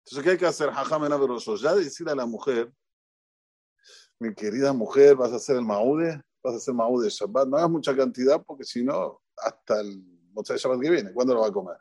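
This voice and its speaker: Lively Argentine rabbi preaching. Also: male voice, mid-range voice, a little fast, husky, no room sound. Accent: Argentine Spanish. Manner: lively, jokey, questions the audience, repeats for emphasis. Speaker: rabbi giving a Torah talk. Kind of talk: informal sermon to a congregation. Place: synagogue.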